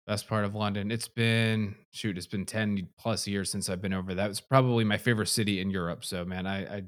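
Laid-back American man, low voice. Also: fairly even intonation, fairly quick. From United States. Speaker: podcast host. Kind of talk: casual interview chat.

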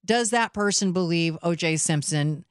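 A woman's voice: on the low side, moderate pace, smooth, no room sound. A woman hosting live talk radio, chatty and opinionated, speaking into a studio microphone. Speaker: radio talk host, filling in.

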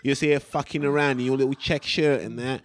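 A man's voice: medium pitch, steady tone, quick pace, lightly acted. A man voicing a foul-mouthed older East End boxing geezer with a Cockney accent, blunt and mocking, in a comic podcast rant. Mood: mocking, combative. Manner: blunt, mocking, sweary banter.

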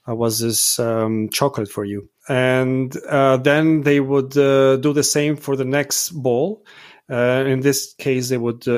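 Male guest from Serbia, mid-pitched, halting delivery full of restarts. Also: darkish tone. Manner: hesitant, many uh fillers and restarts. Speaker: guest author. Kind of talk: casual interview talk.

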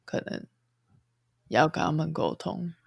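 A podcast co-host, talking calmly and thoughtfully in casual chat. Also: medium pitch, unhurried, vocal fry, breathy edge, dry recording, clean studio sound.

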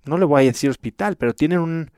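A man's voice: a little high, fast talker, a little mellow, clear, resonant tone, no room sound. Man hosting, dry close sound. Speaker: podcast host. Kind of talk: conversational interview.

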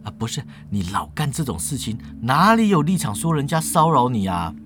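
A storyteller voicing an exasperated young man who speaks low and quiet. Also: sing-song, a little fast, background noise, natural voice.

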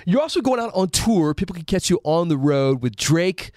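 A man's voice: high voice, moderate pace, no room sound, studio quality. A man hosting an interview, casual and playful, joking with his guest. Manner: playful, joking, lively questioning. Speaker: host.

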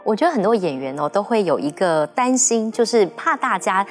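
A woman's voice: mid-range voice, big pitch swings, fairly quick, soft background music. A woman hosting a conversational interview, asking questions in an attentive manner. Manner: attentive, frequent brief acknowledgements. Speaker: interview host.

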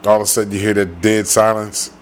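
A man's voice: fairly low pitch, little pitch movement, quick pace, slight background noise. Brash American man in slangy banter. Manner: brash, boastful joking. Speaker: podcast co-host. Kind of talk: casual slangy, profane banter.

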